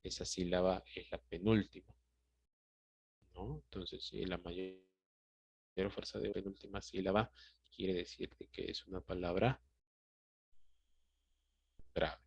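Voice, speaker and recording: A man's voice: sits low, flat delivery, slow pace, gravelly, long pauses, breathy edge, dry recording. A male teacher with a Peruvian Spanish accent patiently explaining a grammar lesson, often checking in with his students. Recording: dry, dull lo-fi sound.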